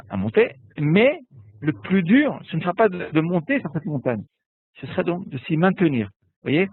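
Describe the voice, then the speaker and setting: A man's voice: a little high, slightly rough, dry recording. A man teaching a biblical Hebrew lesson online, patiently explaining and often checking with "d'accord?". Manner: patient, repeats words and asks "d'accord?" often. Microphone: online call. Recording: tinny webinar audio, phone-like.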